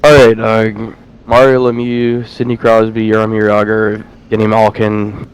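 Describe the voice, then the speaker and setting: A man chatting casually with a streamer friend in quick, offhand banter. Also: fairly low pitch, completely flat delivery, clear, resonant tone, rough recording. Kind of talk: casual chat.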